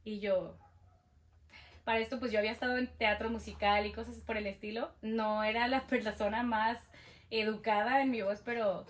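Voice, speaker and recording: Young Mexican woman, Mexican accent, high-pitched, animated interview guest acting out quotes. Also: normal speed. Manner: lively, acts out quoted dialogue. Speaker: guest sharing testimony. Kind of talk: casual storytelling interview.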